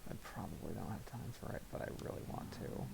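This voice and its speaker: A man's voice: fast, heavy background noise. A man streaming a video game, chatting casually and laughing at his own choices.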